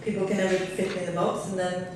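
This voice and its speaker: A Norwegian woman with a lowish, level voice talks fast on a seminar panel, thinking aloud candidly and using fillers. She is in a large hotel conference room, picked up from far off by a table mic. The recording is noisy and very echoey.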